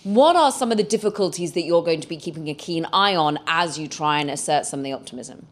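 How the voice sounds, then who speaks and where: A woman's voice: low voice, expressive, fast. A woman interviewing as a co-host of a radio program. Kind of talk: broadcast interviewing.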